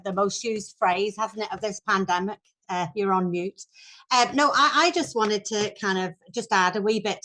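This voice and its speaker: A woman, a union branch secretary, speaking up at an online event over a video call in a thoughtful, halting way. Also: mid-range voice. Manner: thoughtful, peppered with "you know" and restarts. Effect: heard over a video call.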